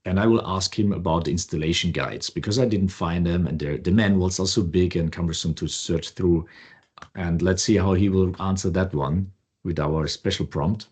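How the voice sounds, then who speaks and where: Deep guy, kinda husky, chatting thru a demo, lots of restarts. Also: normal speed. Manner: relaxed, loose, restarts often. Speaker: co-host. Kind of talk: casual demo walkthrough.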